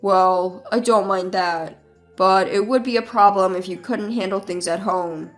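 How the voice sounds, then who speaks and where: A woman voicing a stern husband who talks in a blunt, scolding way, pitched a little lower than her own voice, over faint background music. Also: fairly even intonation, measured pace, close to an everyday voice. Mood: dismissive. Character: grown man, husband, stern and accusing.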